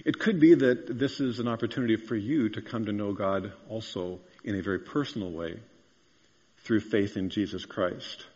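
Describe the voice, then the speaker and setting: A man's voice: fairly low pitch, steady tone, moderate pace, darkish tone. A man preaching a sermon, earnest and conversational, rising to emphatic declarations. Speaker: pastor. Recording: dull sound with long reverb in a large hall.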